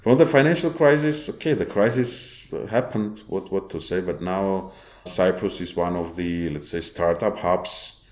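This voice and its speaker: A man's voice: low voice, darkish tone. Man in an echoey room. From Armenia. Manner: halting non-native phrasing with many restarts. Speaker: startup founder guest. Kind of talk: podcast interview.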